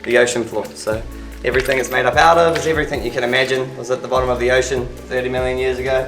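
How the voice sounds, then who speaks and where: A man's voice: mid-range voice, fairly even intonation, very fast. A man working as a cave tour guide, talking casually and jokingly, his voice echoing inside the cave. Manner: joking, laid-back. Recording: echoing cave, distant mic, background music.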